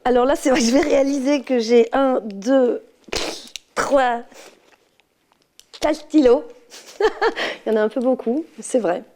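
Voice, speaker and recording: Amused higher-voiced woman teacher. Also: unhurried, pauses often, a little mellow. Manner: amused, laughing at herself. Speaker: schoolteacher being interviewed. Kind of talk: casual talk while emptying her handbag.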